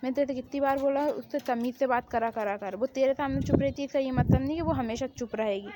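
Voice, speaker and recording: A woman's voice: sits high, fast, dark tone, slight background noise, natural voice. A woman voicing a fussing, affectionate middle-aged mother-in-law in a homemade fan drama. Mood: scolding.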